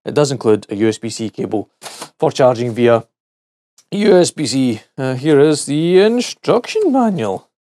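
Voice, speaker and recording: A man's voice: medium pitch, very animated, normal speed, warm tone, slight background noise. A middle-aged man chatting casually and jokily while testing and taking apart a gadget, talking to himself as he works. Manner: chatty and jokey, talks to himself while working. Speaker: gadget reviewer. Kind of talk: casual hands-on product teardown.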